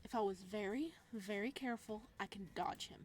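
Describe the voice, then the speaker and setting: Soft music plays behind a woman with a medium-pitched, somewhat dark voice who talks briskly. As a let's player narrating a visual novel, she reads the text aloud and comments casually, playful and quick to giggle and react.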